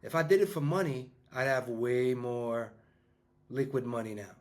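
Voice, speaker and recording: A man's voice: medium pitch, moderate pace, darkish tone. Rambling fifty-year-old New man. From New York. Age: 50s. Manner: rambling, conversational, frequent restarts and fillers. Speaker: business coach and school founder. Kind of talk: casual monologue to an audience.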